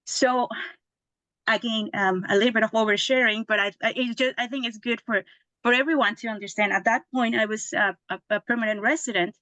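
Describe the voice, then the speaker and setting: A woman's voice: fairly high pitch, steady tone, a little fast, pushed and bright, no room sound. A woman, a lawyer telling her story in a casual interview, chatty with many restarts and tag questions. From Mexico. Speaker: guest lawyer.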